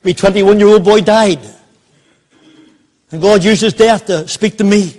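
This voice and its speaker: A man's voice: sits high, steady tone, a little slow, darkish tone. An older man, telling a personal story in a sermon and quoting the people in it. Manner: anecdotal, quoting others in dialogue. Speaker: preacher.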